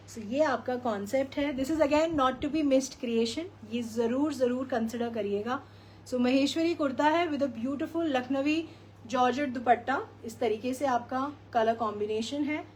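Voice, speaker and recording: A woman's voice: sits high, a little hiss or hum. A woman with an Indian English accent hosting a live shopping showcase, effusively praising each outfit and mixing Hindi with English. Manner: effusive selling, repeats "very, very", mixes Hindi and English.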